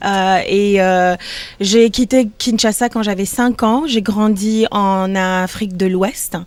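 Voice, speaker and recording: A woman's voice: medium pitch, fairly even intonation, slow, dry recording. A young woman from Congo, a singer, talking casually in an interview with many hesitations and restarts. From Democratic Republic of the Congo.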